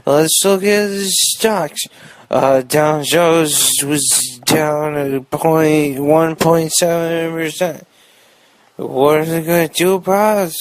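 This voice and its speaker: A man's voice: on the high side, no room sound. A young man hosting a podcast, rambling through a comic news monologue full of puns. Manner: rambling, jokey, fond of puns. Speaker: podcast host.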